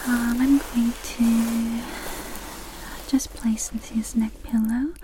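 A woman whispering gently through an ASMR roleplay as a clinician greeting and questioning a client. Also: a little high, flat delivery, a little hiss or hum, rough recording. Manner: soft unvoiced whisper, gentle and slow. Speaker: ASMR creator playing a clinician. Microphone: close sensitive mic.

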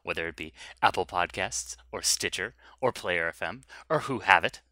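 A man's voice: low-pitched, normal speed, pushed and bright, no room sound. A man co-hosting a podcast, chatting casually with dry, teasing humor. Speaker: podcast co-host. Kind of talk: casual banter.

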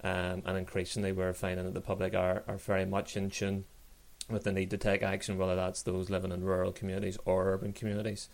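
A man speaking as a podcast guest, earnest and halting, with many restarts. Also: deep voice, monotone, gravelly, a little mellow. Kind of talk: discussion.

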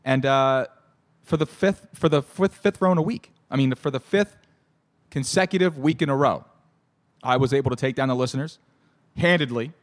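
A man in his thirties with a hoarse, shot voice, hosting a casual show solo in a halting, jokey, self-correcting way. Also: medium pitch. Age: 30s. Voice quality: hoarse, worn-out voice. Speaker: solo host of a fantasy football show.

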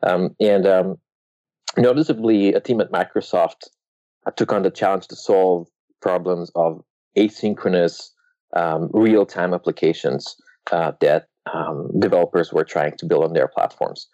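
A man guest on a podcast, talking casually and hesitantly with many pauses. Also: low voice, steady tone, dark tone, no echo, dull audio. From Europe. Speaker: guest author.

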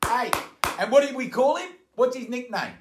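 Aussie guy podcast host, blokey banter, highish voice, roomy echo. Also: lively intonation, moderate pace, very noisy. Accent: Australian. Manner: blokey, teasing. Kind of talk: casual banter. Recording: echoey room.

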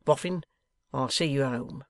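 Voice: medium pitch, measured pace, a little mellow, dry recording, clean studio sound, lightly acted. A reader voicing a domineering, gloating man giving orders. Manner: bossy, commanding. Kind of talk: audiobook character voice.

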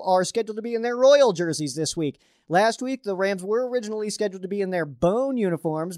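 A man's voice: sits high, a little mellow, no room sound, studio quality. A man hosting a sports podcast, giving a casual game preview as an open fan, with lots of fillers and restarts. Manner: openly rooting for the team.

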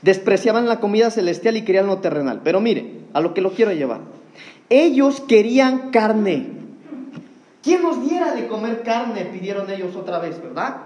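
A man's voice: high-pitched, lively intonation, normal speed, a little mellow. Earnest preacher man. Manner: earnest, addresses congregation as brothers. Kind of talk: sermon.

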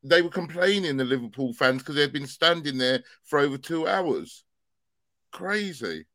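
A man's voice: on the high side, lively intonation, moderate pace, sharp tone, no room sound, studio quality. A man with a London roadman accent chatting casually about football as a panelist. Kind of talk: casual banter.

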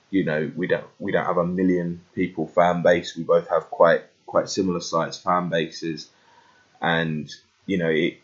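Very low-voiced British man hosting a podcast. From United Kingdom. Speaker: podcast host. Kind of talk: casual podcast introduction. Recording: slightly dull, lo-fi microphone.

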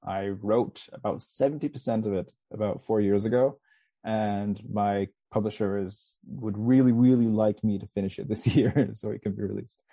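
A man's voice: lowish voice, fairly even intonation, normal speed, dark tone, dry recording. A man in his forties from England with a mostly Canadian accent, talking in a chatty, rambling way as a guest author on a podcast. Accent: Canadian, with faint Mancunian traces. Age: 40s. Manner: chatty, rambling, with frequent restarts and laughs. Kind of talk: casual podcast interview.

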